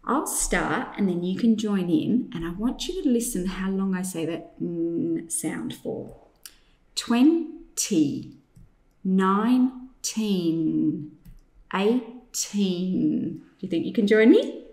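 A woman presents a lesson for young children in a slow, carefully enunciated voice. Her mid-pitched delivery moves up and down in an animated way as she instructs and asks simple questions. The room adds a noticeable echo. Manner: clearly enunciated, drawn-out number words, simple guiding questions. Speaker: teacher presenting a maths activity. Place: indoors in a room, demonstrating at a tabletop. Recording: echoey room.

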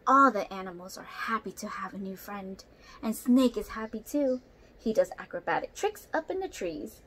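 This young adult woman sounds animated and a bit bright as she reads a picture book aloud, chatting to her young audience between lines. Her pitch is medium and her pace moderate. Background noise fills the recording, made in a small room at home.

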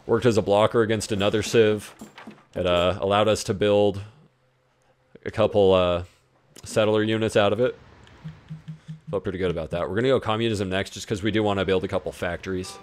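A man's voice: on the low side, fairly even intonation, fairly quick, long pauses, slight background noise. A young man giving casual, laid-back commentary on his own strategy gameplay, talking to himself as he plays. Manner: laid-back, talks to himself while playing. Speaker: gaming YouTuber.

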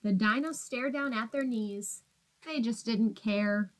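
Slowly and in a voice on the high side, a young teacher in her twenties reads a storybook aloud to small children. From a small, plain indoor room, she talks to them in simple explanatory phrases and puts questions to them.

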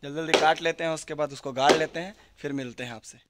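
A man's voice: fairly high pitch, fairly even intonation, fast talker, very noisy. Chatty young vlogger man outdoors. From West Bengal, India. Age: young adult. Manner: chatty, addresses viewers directly. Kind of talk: casual vlog narration. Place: outdoor backyard. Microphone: phone at arm's length.

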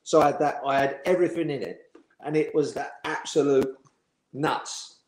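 A man, a former footballer telling lively anecdotes in an interview and chuckling as he goes. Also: fairly high pitch, normal speed. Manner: lively storyteller, chuckling, acts out the people he quotes. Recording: echoey room.

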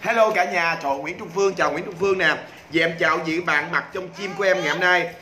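Male livestream seller, quick high patter, playful and loud, echoey home room. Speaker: livestream host selling products. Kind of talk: rapid comic livestream patter. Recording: echoey room with faint noise.

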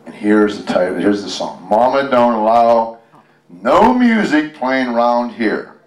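At a library reading event, a guest storyteller and tribute performer shares a picture book with a group, very animated yet unhurried, his medium-pitched voice full of rambling, folksy asides. He's using a handheld microphone. Pickup is distant, with an echoey, roomy feel.

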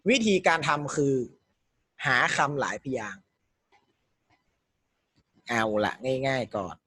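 A man's voice: medium pitch, expressive, slow, bright, forceful tone, slightly rough, no echo. A man teaching an exam-prep language lesson, working through questions step by step and quizzing his students as he goes. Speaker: Thai language tutor.

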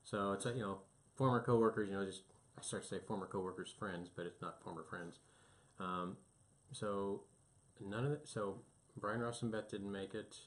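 Middle-aged male co-host, relaxed chatty delivery, lowish voice. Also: normal speed. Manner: easygoing, reads shout-outs, laughs often. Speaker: podcast co-host. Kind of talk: casual chat.

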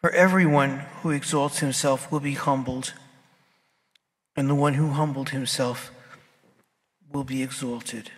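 A clergyman proclaiming the Gospel at Mass in a measured, solemn reading voice, heard in a cathedral echo. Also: medium pitch, fairly even intonation. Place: large church. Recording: long church reverb.

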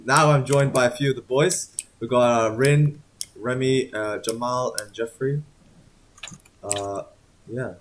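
A man's voice: mid-range voice, fairly even intonation, a little slow, long pauses. Young man hosting a game let's play. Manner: chatty, laid-back, hosting friends. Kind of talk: casual gaming commentary. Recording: noisy mic with keyboard clicks.

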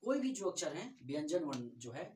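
A man's voice: a little high, big pitch swings, fairly quick, a little mellow, slight background noise. A man teaching a grammar lesson, asking questions and answering them himself. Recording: echoey room, distant mic.

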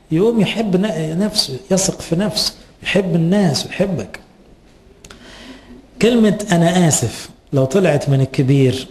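Egyptian priest with a mellow voice. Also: male voice, a little high. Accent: Egyptian Arabic. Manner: earnest, advising, rhetorical questions. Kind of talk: sermon to parents.

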